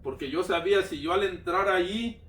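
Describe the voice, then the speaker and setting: A man's voice: sits high, normal speed, a bit bright. A man giving a personal religious testimony, retelling it fervently with lots of repetition. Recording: roomy sound from a distant mic.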